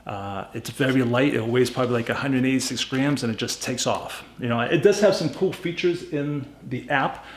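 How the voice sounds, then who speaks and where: A man's voice: mid-range voice, moderate pace, hardly any pauses, a little hiss or hum. Emphatic Boston-accented man in an echoey room. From New England, USA. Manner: plainspoken, emphatic, repeats himself for stress. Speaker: YouTube gadget reviewer. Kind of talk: casual unscripted product review to camera.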